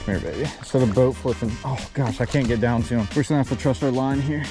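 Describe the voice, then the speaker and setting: A young man chatting casually to camera in a fishing vlog, with an excitable frat-bro way of talking. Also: medium pitch, quick pace, music in the background. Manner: frat-bro hype slang, exclaiming. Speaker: fishing challenge vlogger. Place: outdoors at the water's edge.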